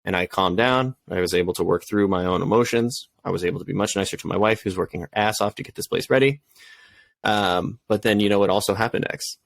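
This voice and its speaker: Gravelly low-voiced man, candid and reflective. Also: fast, dry recording. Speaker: podcast co-host. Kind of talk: casual podcast chat.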